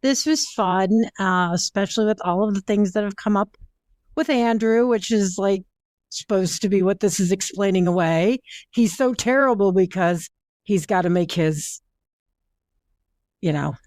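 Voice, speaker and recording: Woman co-host, easygoing casual chat, mid pitch, dry close mic. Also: unhurried, a little mellow, dry recording. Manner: chatty, self-correcting, loose. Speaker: podcast co-host.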